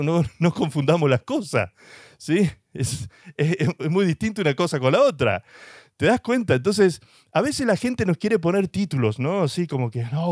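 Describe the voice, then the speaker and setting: A man's voice: a little high, a little mellow, no echo, studio quality. A man preaching a sermon as pastor, emphatic and full of rhetorical questions, with short mocking put-on voices.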